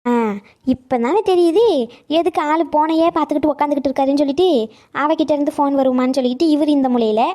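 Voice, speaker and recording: A woman's voice: high-pitched, fast, mellow, close to an everyday voice. A woman voicing a chatty old grandmother. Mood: dramatic. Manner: dramatic, theatrical scolding. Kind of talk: cartoon comedy acting.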